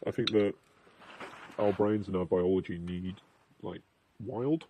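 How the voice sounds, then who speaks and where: A young man chatting casually as a podcast co-host, halting and repeating himself, with some swearing. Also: low voice, lo-fi sound, slight background noise. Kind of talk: casual rambling chat. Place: outdoors in a field.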